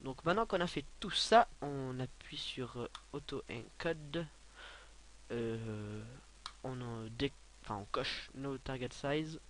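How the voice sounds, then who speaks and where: A young man giving a casual, rambling software tutorial, filling his talk with hesitations and offhand asides. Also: mid-range voice, slow pace, a little hiss or hum. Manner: rambling, many filler sounds, offhand asides. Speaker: tutorial maker.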